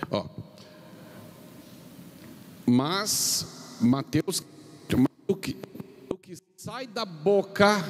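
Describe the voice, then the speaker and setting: Middle-aged Brazilian male preacher, fairly high voice, long arena reverb, storytelling sermon. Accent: Brazilian Portuguese. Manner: tells anecdotes with quoted dialogue, pitch swings up and down. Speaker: pastor. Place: large arena. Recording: long reverb of a large arena, faint noise.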